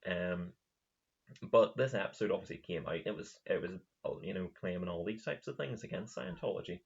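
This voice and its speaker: A man's voice: low-pitched, fairly quick, creaky, slightly rough. A male podcast host talking in a casual, rambling monologue, full of fillers and restarts. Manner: laughs at his own retelling. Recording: slightly dull lo-fi recording.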